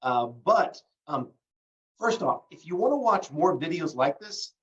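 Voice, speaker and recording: A man with a slightly high, unhurried voice hosts a live online call while recovering from bronchitis, relaxed, promotional, and full of fillers. He sounds distant from the mic, and the call audio is muffled, dull, and lo-fi.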